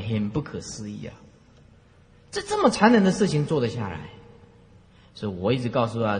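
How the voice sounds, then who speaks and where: A man with a Taiwanese Mandarin accent giving a lecture to students, telling stories with lots of repeated phrases. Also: medium pitch. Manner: animated storyteller who repeats phrases. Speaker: Buddhist lecturer. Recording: long reverb hall.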